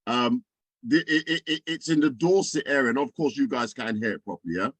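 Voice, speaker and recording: A man's voice: mid-range voice, a little fast, slightly rough. A man hosting a casual reaction chat, who talks hesitantly, repeats himself and steers the conversation. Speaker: show host.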